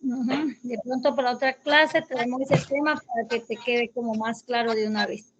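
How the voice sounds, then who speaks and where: High-voiced woman tutoring English on a call. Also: steady tone, moderate pace, background noise. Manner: patient, explains step by step with many fillers. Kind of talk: online English lesson, explaining grammar. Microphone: video call.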